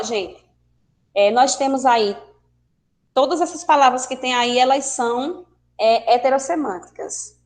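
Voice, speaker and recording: A woman teacher with a Brazilian accent, explaining a language lesson patiently and asking her students questions. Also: a little high. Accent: Brazilian Portuguese. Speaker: Spanish teacher. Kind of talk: online class lesson.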